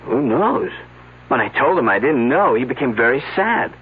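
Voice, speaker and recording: This actor's voice is medium in pitch, sing-song, and breathy at the edges, moving at a normal speed. He plays an eager, somewhat flustered young dig worker in 1970s radio drama style, stammering when flustered, and the sound is a tinny old broadcast.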